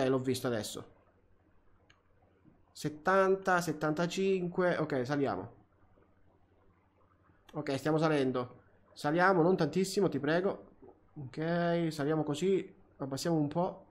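A young Italian man commenting on his flight simulator gameplay, excitable, swearing often and talking to himself and the plane. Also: on the high side. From Italy. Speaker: gaming youtuber. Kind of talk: flight sim let's play commentary.

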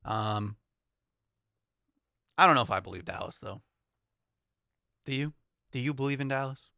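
Bright-voiced young man co-hosting sports talk. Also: mid-range voice, normal speed, gravelly, no echo, clean studio sound. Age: young adult. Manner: easygoing, reads out matchups with light laughs. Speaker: co-host. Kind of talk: casual sports podcast chat. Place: small podcast studio with foam panels. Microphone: studio mic on boom arm, headphones.

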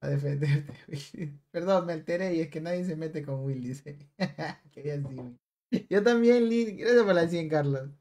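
A man's voice: on the high side, moderate pace, darkish tone. A young man streams a game, reading chat aloud and teasing viewers. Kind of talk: live stream chat while gaming.

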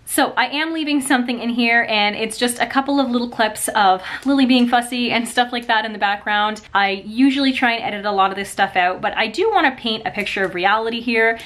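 A woman's voice: a little high, fairly bright tone. A young pregnant woman, a homeschooling mom, chatting casually and patiently, laughing often. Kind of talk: casual explaining to camera and coaching kids.

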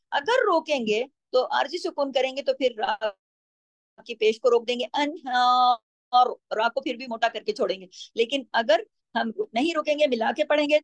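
A woman teaching Quran recitation rules, explaining patiently and slowing down to demonstrate each word in a drawn-out chant. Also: sits high, no room sound.

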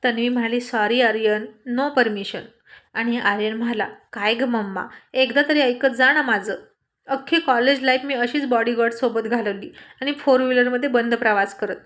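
A woman's voice: fairly high pitch, steady tone, moderate pace, a bit bright. A woman narrating a family love story, reading all the characters' lines herself in a light, conversational tone.

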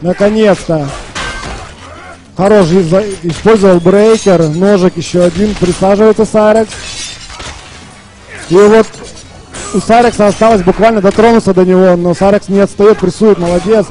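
A man with a notably high voice calls a fighting game match live. He is informal and drops in encouraging interjections, over faint music. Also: fairly even intonation, moderate pace, long pauses, mellow, poor audio. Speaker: esports commentator. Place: live gaming tournament event.

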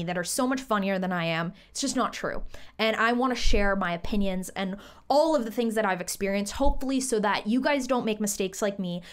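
A young woman hosting a solo podcast, talking in a casual, earnest and chatty way with a lot of fillers. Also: medium pitch. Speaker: podcast host.

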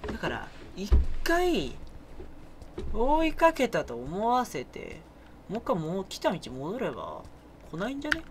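Male gamer, self-talk commentary with sudden outbursts; very animated pitch; audible keyboard typing behind. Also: a little slow, slight background noise. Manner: talks to himself, yells at the enemy in sudden outbursts. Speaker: game streamer. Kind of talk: let's play commentary.

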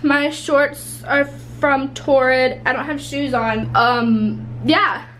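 A woman's voice: sits high, fairly even intonation, takes it slowly, a bit bright. A young woman vlogging casually from a vacation condo, chatting with lots of "like" fillers into a handheld camera. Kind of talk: casual vlog chat. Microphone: handheld camera held close. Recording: noisy handheld camera audio.

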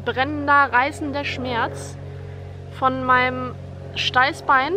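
A woman's voice: high voice, fairly even intonation, slow pace, noisy background. A young woman vlogging a personal story, retelling it vividly and dramatically at home. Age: young adult. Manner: vivid, dramatic retelling, acting out her own screams and quoting others. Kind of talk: personal birth story told to camera.

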